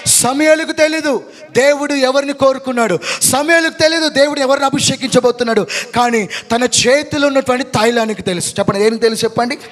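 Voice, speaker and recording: A male pastor preaching a call-and-response sermon, urging his congregation to repeat phrases loudly and breaking into shouted hallelujahs. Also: very high-pitched, quick pace. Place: church service.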